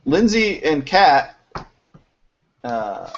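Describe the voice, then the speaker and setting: A man acting as game master, narrating a tabletop game in a loose, halting way with frequent laughs. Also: fairly high pitch, very animated, gravelly. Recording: dull lo-fi home recording with faint noise.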